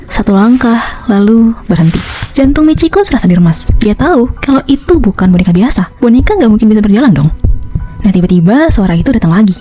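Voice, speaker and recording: A young woman narrating a horror story in a casual style, with dramatic pauses and chatty slang asides to her viewers. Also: medium pitch, dark tone. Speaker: YouTube storyteller.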